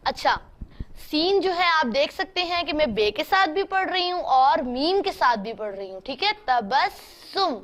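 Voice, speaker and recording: A woman's voice: high-pitched, big pitch swings, normal speed, a bit bright. A woman teaching an online handwriting class, patiently spelling out letters one by one and asking her students questions.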